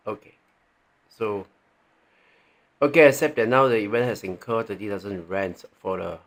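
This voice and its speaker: A Malaysian man with a low, creaky voice leads a tax training session as an informal tutorial, working through examples on screen. He speaks haltingly and thinks aloud, often checking in with "right".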